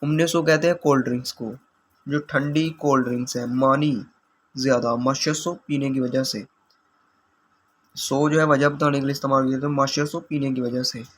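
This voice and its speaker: A man's voice: medium pitch, steady tone, normal speed, fairly bright tone, slight background noise. A man teaching language exam questions, explaining answers patiently step by step.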